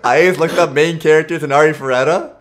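A man's voice: on the high side, fairly even intonation, fast talker, very noisy. A young man hosting an online quiz show in a casual, teasing way, laughing often into a streaming microphone. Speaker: game show host.

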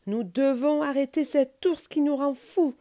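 A woman voicing a stern male owl who calls a forest meeting, speaking loudly and commandingly. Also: high voice, fairly even intonation, unhurried, voice pushed up. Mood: rallying. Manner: loud, commanding, rallying.

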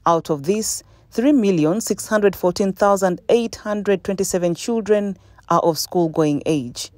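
Ugandan newswoman voice-over, mellow and dry, formal measured read. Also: medium pitch, no room sound. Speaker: news reporter. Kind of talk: scripted news narration. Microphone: studio voice-over.

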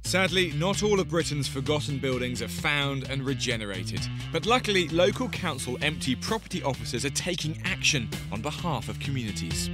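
Male documentary narrator, scripted voice-over, lively pitch, music under it. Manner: measured voice-over.

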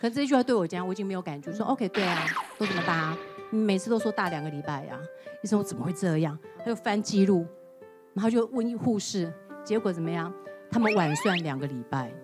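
A woman in her forties, a talk show guest, telling a personal story in a casual, animated way. She acts out quoted dialogue and drops English words into her speech. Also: medium pitch, fast talker. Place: TV studio. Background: background music.

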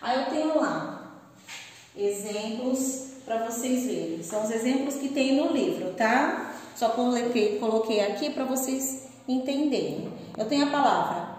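A woman's voice: fairly high pitch, expressive, unhurried, darkish tone. A woman teacher giving a recorded lesson to pupils, patiently spelling out syllables. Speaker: school teacher. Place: classroom with a board. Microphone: camera at a distance. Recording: echoey room, far from the mic.

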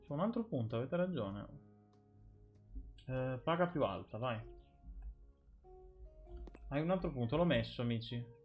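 A man's voice: medium pitch, animated, unhurried, long pauses, phone-quality sound, faint music behind. Chatty male game streamer. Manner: chatty and joking, talks to viewers. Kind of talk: casual live gameplay commentary.

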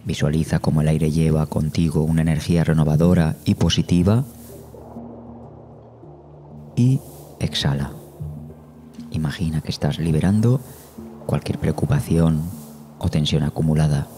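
A meditation guide speaks in a very deep, dark voice, leading listeners through a session set to meditation music. He takes it slow and calm, measuring each phrase and leaving long silences.

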